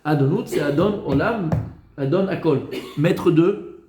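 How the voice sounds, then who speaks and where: A man leads a class as a rabbi, asking the room questions and answering them himself. His voice sits fairly high. The sound rings in an echoey room. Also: unhurried, mellow. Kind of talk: lively classroom teaching.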